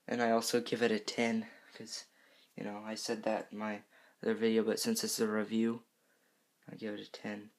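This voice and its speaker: Reviewing horror movie masks off the cuff, this fifteen-year-old talks in a lowish monotone at normal speed. He pauses often, rambles hesitantly, and frequently backtracks to fix what he said.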